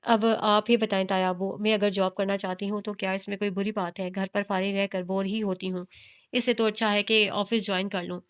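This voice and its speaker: A woman's voice: mid-range voice, level tone, brisk, clean tone, natural voice. A woman reading a proud, hot-tempered young heroine. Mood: indignant.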